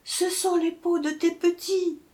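A woman's voice: very high-pitched, level tone, unhurried, a little mellow, pitched above the performer's own voice. A woman voicing a small, timid male hare who asks singsong questions and answers in fear. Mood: trembling. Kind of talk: storybook reading.

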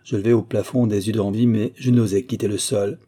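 Low dark-voiced guy reading a book aloud, measured, bit husky. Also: steady tone. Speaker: narrator. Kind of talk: audiobook reading.

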